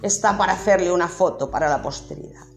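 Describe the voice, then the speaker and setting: A woman's voice: on the low side, quick pace, vocal fry. A chatty ogress wife, played by a woman, gossipy and teasing, who runs on in a near-everyday voice. Faint music plays behind. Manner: gossipy and mocking.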